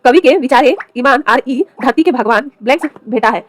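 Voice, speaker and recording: A woman's voice: high-pitched, fairly quick, no room sound. A woman teacher reads exam practice questions, then gives each answer, switching between a regional dialect and standard Hindi. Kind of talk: reading quiz questions and giving answers.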